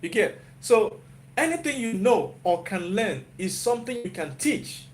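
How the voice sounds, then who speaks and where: A very animated man with a high-sitting voice and a Nigerian accent talks to his live-stream viewers at an unhurried pace. As a YouTuber and software developer, he gives a motivational, repetitive pep talk, checking in repeatedly with "you get?"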